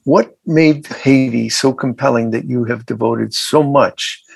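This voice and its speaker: A man's voice: mid-range voice, unhurried, vocal fry, breathy edge, dry recording, low-quality recording. A man hosting an interview, asking several questions in a row and affirming his guest. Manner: affirming, asks stacked questions.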